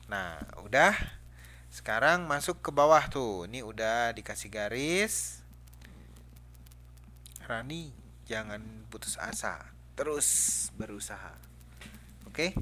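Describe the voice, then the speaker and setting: Male computer teacher, patient and questioning, slow delivery. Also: medium pitch, sharp tone, slight background noise. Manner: patient, coaxing, asks the class questions. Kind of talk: classroom lesson. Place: classroom.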